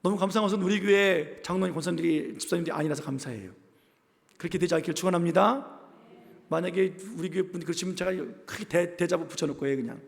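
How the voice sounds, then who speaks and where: A male pastor preaching a Sunday sermon, pressing his congregation with rhetorical questions and swinging from loud exhortation to quiet asides. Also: high voice, quick pace, creaky. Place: church sanctuary. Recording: church hall with long reverb.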